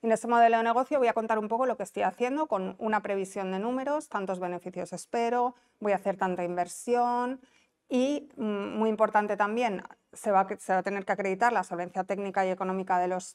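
A business incentive adviser gives an informal talk in a small indoor conference room, wearing a lapel mic. Her voice is medium-pitched with a darkish tone, and her Spanish accent is not Canarian. She explains things conversationally and uses tag questions to check that her audience is following.

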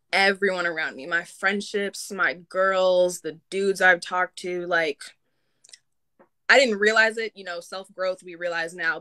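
Young woman host, bright tone, candid live-stream chat, cusses casually. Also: lowish voice. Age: young adult. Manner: candid, swears freely, quick bursts of talk. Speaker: livestream host.

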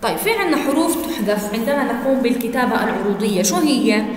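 A woman teacher with a Jordanian Arabic accent giving a lesson, spelling out words slowly and asking and answering her own questions. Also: a little high, lively intonation. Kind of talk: classroom lesson on Arabic prosody. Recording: echoey room with faint background noise.

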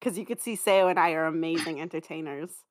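Bantering in a dry, self-mocking, jokey style, this young podcast co-host and co-creator speaks briskly in a low voice while offering thanks to listeners.

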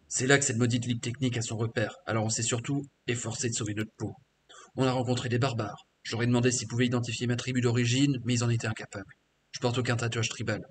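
A man's voice: mid-range voice, slight background noise, natural voice. A man reading a scornful half-orc ex-slave. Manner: crude, scornful, boastful. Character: bitter defiant male half-orc ex-slave warrior mage. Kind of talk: reading game dialogue aloud.

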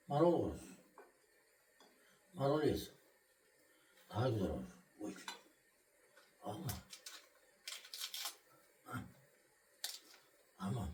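A middle-aged vlog host makes a sandwich for viewers in a casual home cooking and farm vlog, then calls and coaxes an animal. His voice is mid-range and dark, with a little hiss or hum.

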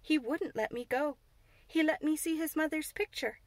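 Woman reader as an earnest, determined little girl, pitched up, dry close sound. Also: normal speed, no room sound.

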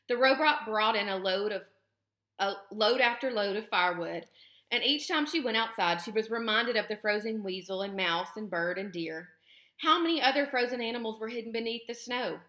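Woman teacher reading a children's novel aloud, bright and expressive, roomy echo. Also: medium pitch. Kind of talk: children's book read-aloud.

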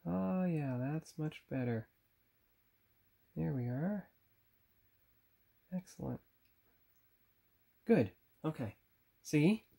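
Extremely slow and full of long pauses, a man speaks in a fairly high, mellow, creaky voice that is expressive. A model builder and channel host, he paints at his workbench while chatting with viewers, thinking aloud and correcting himself. He's filmed by a phone camera on a tripod.

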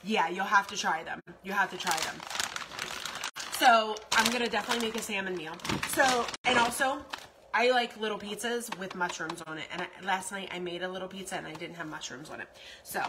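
A woman's voice: mid-range voice, fairly quick, background noise. A woman in her forties chatting casually through a grocery haul in her home kitchen, rambling with lots of ums and repeats. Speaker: vlogger. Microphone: phone camera at arm's length.

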